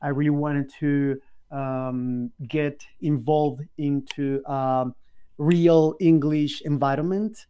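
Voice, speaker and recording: A man talks over a video call. He speaks slowly with a warm, mellow tone and a smooth, clear voice, pausing often with hesitant ums. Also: a little high, steady tone. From Colombia. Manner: slow, thoughtful, many hesitant ums. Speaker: guest. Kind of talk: casual interview chat.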